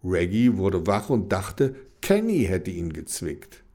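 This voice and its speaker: A man reading a children's story aloud in a lively, expressive way. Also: low voice, slow pace.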